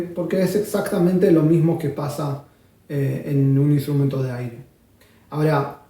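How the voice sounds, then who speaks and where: A man teaches bandoneon in an unhurried lesson. He pauses often and demonstrates sounds aloud. His voice is dark and mellow, and it is recorded from a distance in a very echoey room. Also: a little high. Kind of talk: instructional video lesson. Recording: roomy, distant mic.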